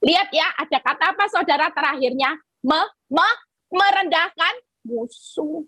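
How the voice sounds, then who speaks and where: A woman evangelist giving an emphatic sermon over a video call, breaking into high-pitched acted prayers. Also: expressive, unhurried, pushed and bright, no room sound, low-quality recording. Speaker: evangelist preacher.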